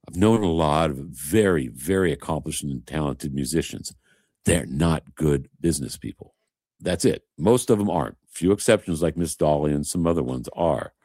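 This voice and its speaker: A man's voice: low voice, a little mellow, no echo, studio quality. A man chatting casually as a host, an emphatic, rambling storyteller. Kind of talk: casual chat.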